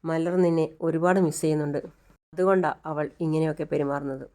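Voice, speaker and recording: A woman voicing a gentle older grandfather in a retold serial, speaking in a soft, coaxing way. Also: low voice, steady tone, a little fast, close to an everyday voice.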